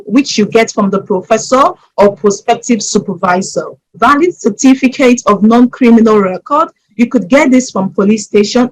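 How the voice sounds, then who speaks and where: A woman from Nigeria talks her viewers through scholarship applications in a measured, methodical instructional explainer. Her voice is mid-range and the recording is of low quality.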